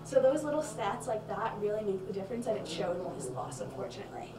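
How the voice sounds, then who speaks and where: A very animated young woman talks fast in a mid-range voice, co-hosting postgame basketball analysis as a student sports analyst and rattling off stats with fillers. The small studio has a stadium backdrop and echoes; her handheld mic is distant and a crowd murmurs behind.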